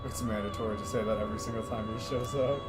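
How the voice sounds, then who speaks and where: A man's voice: lowish voice, fairly even intonation, fast. A man streaming a game, talking to his chat through livestream headset audio, with joking, self-mocking asides. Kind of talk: casual livestream commentary over gameplay. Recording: game music playing clearly under the voice.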